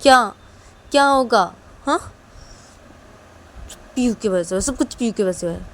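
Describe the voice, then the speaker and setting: A woman voicing a young mother who is protective and quick to anger, speaking in a raised, emphatic voice. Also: medium pitch, a little mellow, a little hiss or hum, close to an everyday voice. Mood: angry. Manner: raised, scolding, then coaxing.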